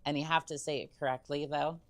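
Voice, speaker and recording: A woman's voice: sits low, fairly even intonation, fairly quick. A woman livestreaming a video game, chatting casually with playful teasing and hesitant musing aloud. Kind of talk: casual chat over gameplay with in-character asides.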